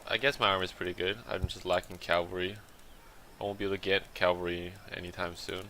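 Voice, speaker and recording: A man's voice: deep voice, little pitch movement, fast talker, bright, forceful tone, slight background noise. A man playing a strategy game and talking through his moves aloud in casual commentary. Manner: muttering his plans aloud as he plays. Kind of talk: casual let's-play commentary.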